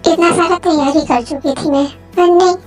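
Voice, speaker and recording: A woman's voice: very high-pitched, fairly even intonation, moderate pace, faint music behind. A woman doing a scolding, jealous mother. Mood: fussy chatty. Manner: scolding, sarcastic, complaining. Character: middle-aged mother, fussy, scolding and jealous. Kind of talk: Hindi fan audio drama.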